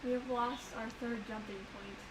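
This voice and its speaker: A woman chats excitably on a home stream, rambling from one game theory to the next. Her voice sits a little high, and a steady hiss of background noise runs under her words. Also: moderate pace. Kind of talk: casual chat. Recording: noisy home stream audio.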